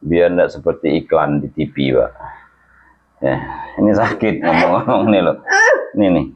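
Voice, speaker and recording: Low male voice, joking therapist, reassuring manner, tinny lo-fi recording. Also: a little slow, breathy edge. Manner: joking and reassuring, with frequent religious exclamations. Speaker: healing therapist. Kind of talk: casual talk during a hands-on treatment. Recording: lo-fi, phone-like sound.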